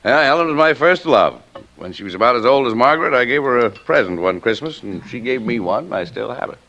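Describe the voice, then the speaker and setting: His medium-pitched voice is expressive, bright and forceful, captured on dull audio. He is an actor in a 1940s-50s radio drama, portraying a middle-aged father who is genial, mock-formal and firm when pestered. He comes across as contented and teasing, measured, jocular and sternly paternal.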